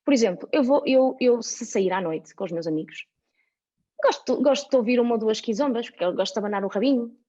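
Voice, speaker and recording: A woman's voice: a little high, expressive, quick pace, dark tone, highs cut off. A woman with a European Portuguese accent, a guest in a casual chat, talking animatedly with lots of examples. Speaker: podcast guest.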